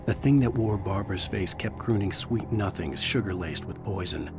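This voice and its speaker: An actor playing a haunted, weary writer in a game, narrating in a brooding, measured, literary way. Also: male voice, on the low side, natural voice. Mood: grave. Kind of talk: dramatic scripted game narration. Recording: music behind voice.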